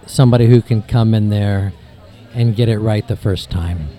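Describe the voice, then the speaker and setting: Mellow-voiced man, winding answers. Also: on the low side, moderate pace, soft background music, some chatter behind. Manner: long winding sentences with restarts. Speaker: photographer guest. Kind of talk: interview answers.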